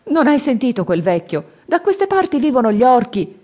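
A woman's voice: fairly high pitch, sing-song, normal speed, a little mellow, pitched above the performer's own voice. A woman voicing a timid male monk master who speaks in a fearful, fussy way.

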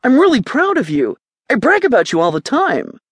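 Woman doing an upbeat party-loving young guy, excited tone, very lively intonation, audiobook. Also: high-pitched, moderate pace, husky, dry recording, studio quality, pitched above the performer's own voice, heavily acted. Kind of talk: audiobook character voice.

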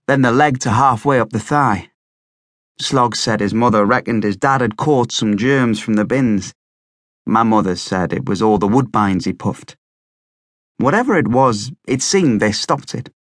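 A man narrating an audiobook in a plain, steady storytelling way. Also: medium pitch, dry recording, studio quality.

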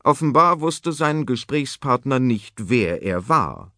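A man narrating a children's story in a lively, expressive way. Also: mid-range voice, slow, no room sound. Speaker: audiobook narrator. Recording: dry studio audiobook.

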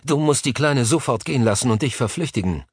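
A man's voice: mid-range voice, expressive, fast, slightly rough, no room sound, studio quality, voice pushed up. A male narrator voicing a nervous, cynical male business partner talking on the phone in an audiobook. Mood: tense, cynical.

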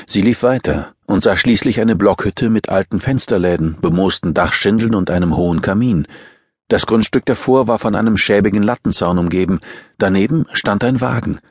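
A man narrating a thriller audiobook in a measured, tense storytelling manner. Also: on the low side, darkish tone, slightly rough, dry recording, studio quality.

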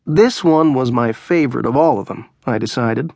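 Brief: a man with a gravelly voice narrating in first person, low-key and wry. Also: moderate pace, a little mellow, no room sound, studio quality. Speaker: audiobook narrator.

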